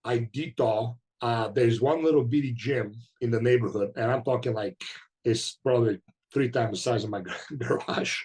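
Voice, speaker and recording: This is an interview host, a man who was born in Bulgaria and grew up in America, and he speaks. He talks in lively, animated bursts and restarts himself now and then as he builds his points. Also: mid-range voice, moderate pace. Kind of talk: casual interview chat.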